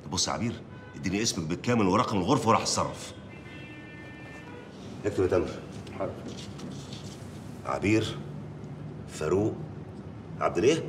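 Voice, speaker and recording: A brisk low-voiced Egyptian editor. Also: male voice, animated, background noise. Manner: brisk, bossy, gives orders. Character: hurried male newspaper boss, commanding. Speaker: newspaper editor. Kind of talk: TV drama acting.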